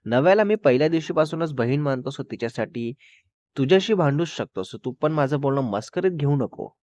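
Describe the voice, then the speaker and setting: A man's voice: on the high side, lively intonation, brisk, a little mellow, dry recording, lightly acted. A man doing a blunt, protective young friend. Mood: scolding. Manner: scolding, threatening. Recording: dull, dry recording.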